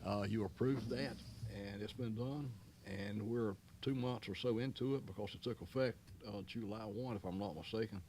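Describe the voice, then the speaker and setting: A man's voice: lowish voice, normal speed, a little mellow, slight background noise. A man serving as county manager, explaining items at a public board meeting in a folksy, long-winded way with many fillers and restarts.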